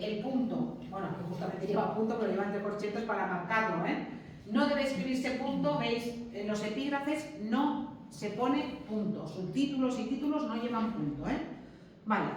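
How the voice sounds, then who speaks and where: A woman's voice: fairly high pitch, distant mic. A woman from teaching a classroom lesson on punctuation, explaining patiently and often checking in with tag questions. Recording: very echoey room, voice from afar, faint background noise.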